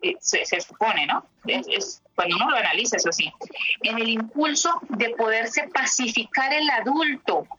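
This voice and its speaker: A woman therapist telling stories from her practice in an interview, reflective and pausing with fillers. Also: a little high, animated, pushed and bright, low-quality recording.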